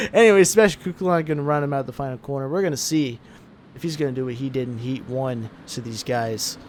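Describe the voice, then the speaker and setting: A man's voice: medium pitch, brisk, slight background noise. A young man giving casual, laid-back commentary on a sim truck race, sounding tired between calls.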